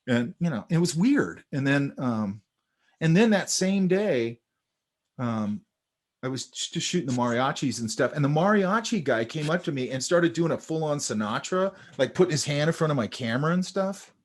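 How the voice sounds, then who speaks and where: A man talks through a sketching lesson in a loose, conversational way. His pitch rises and falls a lot as he gets excited about the drawings. He often drifts off into stories along the way. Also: normal speed. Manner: animated, storytelling, talks over drawings. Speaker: art instructor. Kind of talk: casual teaching chat.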